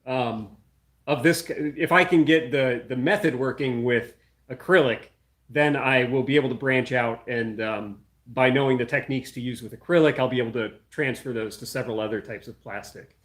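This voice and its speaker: Young male maker, mid-pitched voice, loose unscripted chat while tinkering at the bench. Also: normal speed, a bit bright. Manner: rambling, thinking aloud with many fillers; working hands-on while talking. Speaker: maker hosting a livestream. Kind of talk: casual livestream chat. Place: home workshop.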